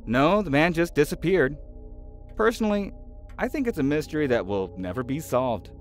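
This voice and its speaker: A man voices a chatty, somewhat evasive small-town real estate agent in an audio drama, hesitantly gossiping while showing a house. He speaks with animation at normal speed in a natural, fairly high voice over faint music.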